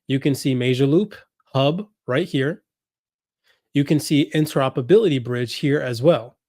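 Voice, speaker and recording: A man's voice: medium pitch, normal speed, darkish tone, dry recording, studio quality. A man hosting a finance commentary video, scrolling through documents on screen, reading passages aloud and stressing the same points again and again. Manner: explains while scrolling, reads passages aloud, repeats points. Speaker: crypto commentary host. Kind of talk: screen-share document walkthrough.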